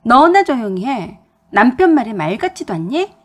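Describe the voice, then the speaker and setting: Woman voicing a bossy husband from a storybook reading, loud and scolding, breathy tone, lively pitch. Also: moderate pace. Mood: angry shouting. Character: angry domineering young husband, shouting.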